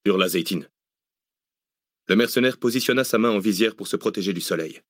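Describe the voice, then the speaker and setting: An audiobook narrator with a fairly low-pitched voice reads a novel chapter as scripted narration, measured and dramatic. The studio sound is clean, with no echo.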